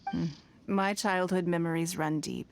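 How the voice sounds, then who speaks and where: A woman voicing a self-made young businesswoman in a video game, calm and earnest, who is fond of fish and picky about food. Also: lowish voice, normal speed, a little hiss or hum, natural voice. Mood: reflective. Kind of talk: game character dialogue.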